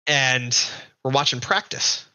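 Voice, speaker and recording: A young adult man, a guest racer, telling long animated anecdotes in casual podcast chat, often restarting his sentences. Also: medium pitch, slow pace, clear, resonant tone, no echo.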